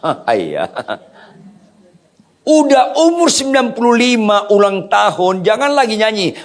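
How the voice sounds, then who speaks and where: Male pastor, lively sermon delivery, pitch leaping all over, slightly high voice, jokey and slangy, keeps firing questions at the pews. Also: a little slow. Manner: humorous, casual slang, quizzes the audience.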